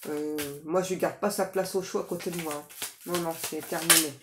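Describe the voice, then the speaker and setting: A woman's voice: lowish voice, fairly even intonation, brisk. A woman giving a casual psychic reading to viewers, talking in a chatty way with many fillers and tag questions. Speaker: psychic reader. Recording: echoey room, faint noise.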